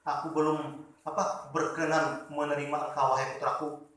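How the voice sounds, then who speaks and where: A man voicing a stern mother who speaks slowly and firmly as she turns her son away. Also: on the high side, flat delivery, a bit bright, close to an everyday voice. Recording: echoey hall, distant mic.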